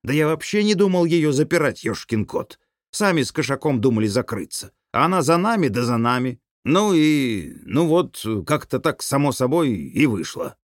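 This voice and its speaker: A man voicing a gruff, stubborn older man who answers in low, curt mutters. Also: very animated, moderate pace, no echo, studio quality, close to an everyday voice. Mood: grumbling.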